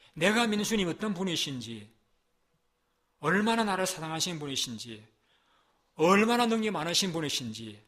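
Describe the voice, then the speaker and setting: Preaching on a Sunday, a man swings from forceful, loud lines to soft, low passages. His delivery is emphatic and repetitive, and he poses rhetorical questions to those gathered.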